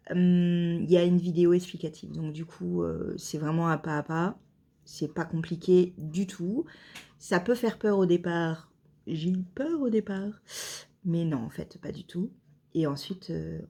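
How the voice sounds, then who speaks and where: A woman vlogging casually at home, hesitant and chatty with many pauses and fillers. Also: on the low side, dark tone. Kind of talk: casual vlog chat.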